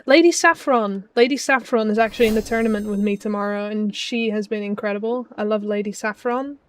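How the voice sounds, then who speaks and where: Her voice is medium in pitch and brisk. She's a young woman from the Netherlands whose Dutch accent picks up British and Scottish sounds, and she reads her stream chat aloud while playing, chatty and full of ums and restarts.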